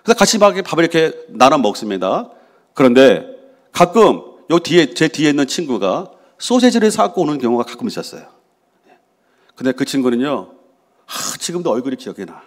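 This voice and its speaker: A man's voice: mid-range voice, big pitch swings, brisk. A middle-aged man, preaching a sermon to his congregation as pastor in a conversational way, asking questions and answering them himself. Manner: acts out voices of quarreling people. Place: church sanctuary.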